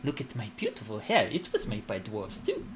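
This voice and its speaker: A man voicing a gracious, gentle earth and fertility goddess in a tabletop role-play, speaking in formal, questioning phrases. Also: on the low side, huge pitch swings, brisk, background noise. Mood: serene, gracious.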